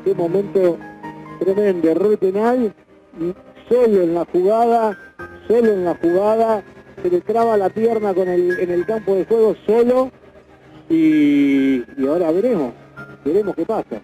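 A man giving measured analysis as co-commentator on a football broadcast. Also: sits high, warm tone, faint music behind, poor audio. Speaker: match co-commentator.

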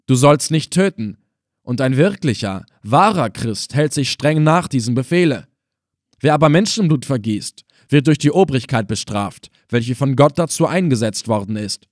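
A male audiobook narrator with a mid-pitched voice and a calm, measured manner. The recording is dry and close, with almost no room sound. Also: no room sound. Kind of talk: scripted narration.

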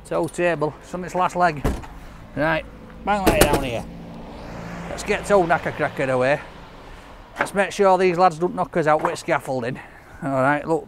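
Yorkshire man, jokey food vlogger, slightly high voice, out on a noisy street. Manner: chatty, jokey, cheerful banter. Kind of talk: casual vlog chat. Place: outdoors on a city street. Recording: street noise behind. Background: traffic and scaffolding work.

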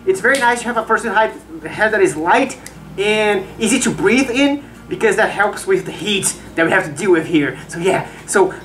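A woman's voice: medium pitch, lively intonation, moderate pace, fairly bright tone, a little hiss or hum. A chatty, upbeat woman talking from inside a costume mask head, casually reviewing it with frequent restarts. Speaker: fursuiter reviewing her own costume.

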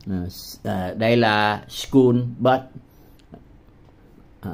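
A man from Vietnam teaching English words in a patient tutorial, repeating each word slowly with hesitation sounds. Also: lowish voice, gravelly. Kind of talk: slow, patient screen-demo tutorial.

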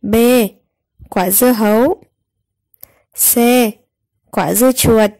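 A woman narrating a scripted storybook tale for young children, enunciating clearly as a storyteller. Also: medium pitch, slow pace, a little mellow, no echo.

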